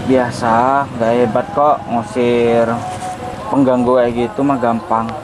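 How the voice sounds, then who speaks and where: A man's voice: mid-range voice, little pitch movement, slow pace, background noise. A man playing a blunt villager in a comedy skit, talking dismissively. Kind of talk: amateur comedy skit acting.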